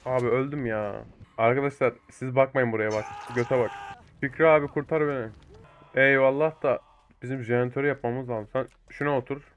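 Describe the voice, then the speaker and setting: Excitable young man commenting on gameplay. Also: medium pitch, clean tone. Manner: excitable, swears, talks to teammates and viewers. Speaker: gaming YouTuber.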